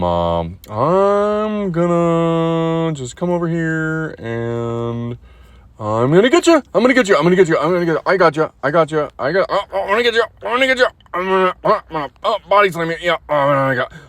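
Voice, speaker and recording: A man's voice: on the high side, sing-song, drawn-out words, few pauses, clean tone, no room sound, pitched above the performer's own voice, exaggerated voice. A man voicing a playful, scrappy male dachshund that taunts during a backyard play-fight. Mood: taunting. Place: outdoor garden.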